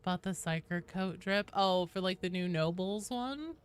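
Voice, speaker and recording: In a lowish, clear, resonant voice at a measured pace, a woman hosts a casual game live stream. Her talk with viewers is playful and teasing, full of jokes and punctuated by sudden exclamations.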